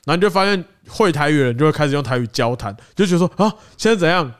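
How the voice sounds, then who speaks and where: A young man with a Taiwanese Mandarin accent, co-hosting a casual chat podcast, telling animated stories and laughing often. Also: fairly high pitch, rapid-fire, clear, resonant tone. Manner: animated storyteller, acts out quoted voices, laughs often. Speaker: podcast co-host.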